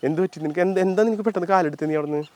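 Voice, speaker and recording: A man's voice: high voice, very fast, a little mellow. A man hosting a challenge video, playful and teasing, hyping the contestants with sung sound effects. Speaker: host running an ice sofa challenge.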